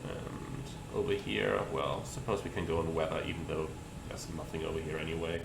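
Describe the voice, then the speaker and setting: A man's voice: rumbling low, brisk, creaky. A man presenting a flight simulator as a pilot, explaining procedures and reading back radio calls. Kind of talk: explanatory commentary with radio readbacks. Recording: roomy sound with steady cockpit noise.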